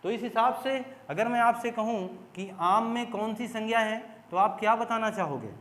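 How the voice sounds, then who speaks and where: A man's voice: high voice, normal speed, a bit bright. A man teaching an exam-prep grammar lesson, explaining step by step, repeating key points and putting questions to his students. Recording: echoey room with long reverb.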